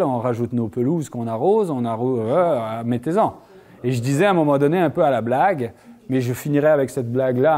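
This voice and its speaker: Male lecturer, French accent, animated, quizzes the room. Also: medium pitch. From France. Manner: lively, jokey, asks the audience questions. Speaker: lecturer on groundwater. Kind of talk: public lecture with audience questions.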